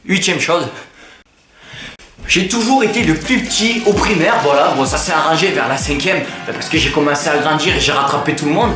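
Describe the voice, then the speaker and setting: Over background music, a teenage YouTuber talks to camera at a normal pace, his voice a little high and the sound roomy. He has a Southern French accent, and the casual vlog is playful, lively, and self-mocking.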